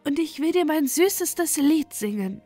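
A woman doing a tender high nightingale. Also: lively intonation, measured pace, faint music behind. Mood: pleading. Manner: bright, earnest, wondering. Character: tender, devoted little female nightingale. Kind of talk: storybook reading.

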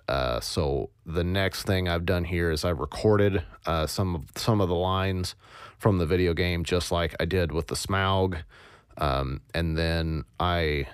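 A man walks through his sound design process in a casual tutorial, pausing often to find his words. His voice is low, even and monotone, with a smooth, clear tone. The recording is close and dry. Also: no echo. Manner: hesitant, many fillers, thinks aloud.

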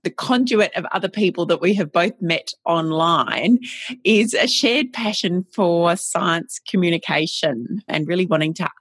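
Husky-voiced woman hosting an interview. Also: fairly low pitch, unhurried, no room sound. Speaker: podcast host. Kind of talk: conversational interview.

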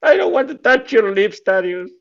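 Small frightened schoolboy, comic radio play: very high, swooping, stammering protests, muffled from inside a locker. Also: male voice, expressive, moderate pace, vocal fry. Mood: reluctant, panicky. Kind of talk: comedic radio-play acting.

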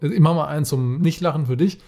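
Man, somewhat high voice, podcast co-host, casual chat, reading one-liners, keeps cracking up. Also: rapid-fire, gravelly, warm tone. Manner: reads jokes aloud, often breaking into laughter. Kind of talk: casual joke-telling chat.

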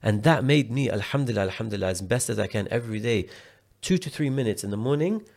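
A man's voice: mid-range voice, expressive, fast, gravelly, darkish tone. A man from the UK, a podcast guest telling a personal story in a slangy, casual way, often restarting and repeating words.

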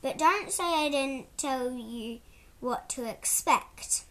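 A woman's voice: high-pitched, takes it slowly, bright, forceful tone, full character voice. A woman voicing a lazy, wry male dragon in a storybook, in an unbothered, teasing way. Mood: drowsy, wry.

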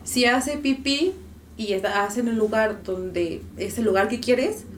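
A woman with a Mexican Spanish accent explains dog care emphatically, in a higher voice, and keeps checking that she has been understood. The room is echoey, with faint noise behind her. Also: unhurried, distant mic. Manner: emphatic, asks "¿sí me explico?". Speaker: veterinary guest. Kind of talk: casual podcast explanation.

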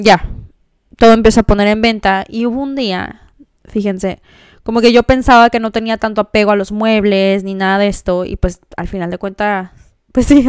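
A Mexican woman hosting a podcast, telling a personal story in a chatty, expressive way with many fillers. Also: medium pitch, clean tone, dry recording. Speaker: podcast host. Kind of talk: casual storytelling monologue.

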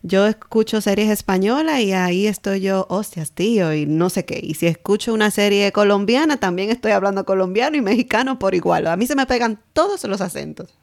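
A woman co-hosting an interview, playful and quick to laugh. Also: mid-range voice. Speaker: interview co-host. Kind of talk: casual interview chat.

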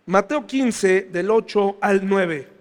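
A man's voice: sits high, slow. A male pastor giving a conversational sermon, often putting questions to his congregation. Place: church. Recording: long church reverb.

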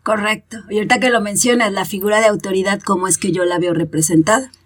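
Husky woman explaining calmly. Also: mid-range voice, quick pace. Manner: explanatory, gives examples with quoted voices. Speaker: parenting expert guest. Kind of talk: podcast conversation.

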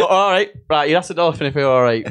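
Male podcast co-host. Rowdy, sweary, jeering pub banter, wildly lively pitch, dry recording. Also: no room sound. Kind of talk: casual banter among friends.

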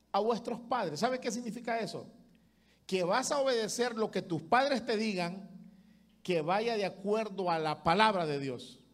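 Preaching as pastor, a man with a voice that sits high gives an impassioned sermon, swinging between loud calls and hushed asides.

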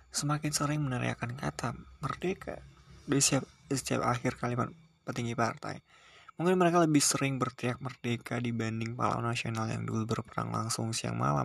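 A man reads a first-person thriller aloud with a tense, terse delivery. His voice is gravelly with plenty of fry, and he moves through the text at a brisk clip. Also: mid-range voice. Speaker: audiobook narrator. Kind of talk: first-person storybook narration.

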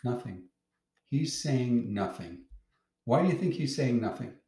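A man's voice: mid-range voice, expressive, measured pace, darkish tone, reverberant. A man teaching a Bible lesson to a child, patiently asking questions and explaining as he reads.

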